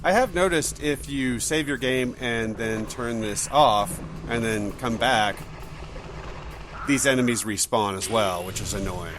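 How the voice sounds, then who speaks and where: Casting: male gaming host, average pitch, chatty and joking commentary with clear background music. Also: unhurried. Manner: conversational, joking. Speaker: let's play host. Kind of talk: casual gameplay commentary. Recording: game music behind the voice.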